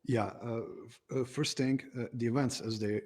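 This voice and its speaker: A man's voice: mid-range voice, steady tone, moderate pace, a little mellow, breathy edge. A man from Croatia, a game developer answering interview questions in an easygoing, hesitant way with many fillers.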